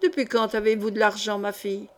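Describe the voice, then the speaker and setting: A woman's voice: mid-range voice, level tone, brisk, lightly acted. A woman voicing a spiteful young lady who talks in a sententious, sour way. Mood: scornful.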